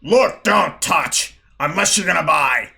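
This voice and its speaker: A man voicing a grumpy male shopkeeper who growls his words slowly. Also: a little high, creaky, sharp tone, voice pushed up, heavily acted. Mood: gruff. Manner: growling, slow and pushy.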